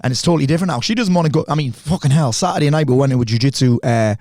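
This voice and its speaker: Middle-aged man, podcast guest, animated storyteller, quick delivery, dry close mic. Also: on the high side, no room sound. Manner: animated storyteller, swears freely. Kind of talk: casual conversation.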